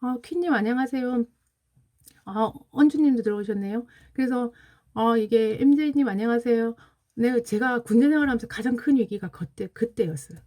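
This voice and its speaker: Speaking at a normal speed, this livestream host has a slightly high voice with a dark tone. The woman, in her forties, shares a heartfelt personal story in an earnest way on her casual stream, welcoming viewers as they arrive.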